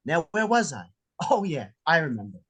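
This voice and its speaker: A man's voice: on the high side, very animated, normal speed, a bit bright, slightly rough, full character voice. A man playing a menacing, jealous armed husband in a script read, sarcastic, theatrical and profane. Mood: demanding. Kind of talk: table read of a film script. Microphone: video call.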